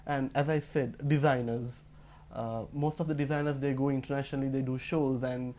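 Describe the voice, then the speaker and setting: A man's voice: mid-range voice, flat delivery, fairly quick, darkish tone, slight background noise. A man with a Sri Lankan accent answering interview questions earnestly and emphatically, posing rhetorical questions. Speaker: interview guest, fashion and pageant industry figure.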